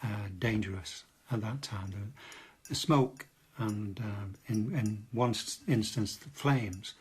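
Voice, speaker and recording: Older man with a low, husky voice. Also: slow pace. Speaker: retired fire officer, interviewee. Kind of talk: interview recollection.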